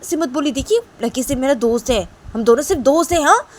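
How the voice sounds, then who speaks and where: A woman voicing a young woman who protests in a high, shrill, pleading voice, for a spoken Hindi love story. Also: expressive, quick pace. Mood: flustered protest. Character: young woman, flustered, protesting to her parents.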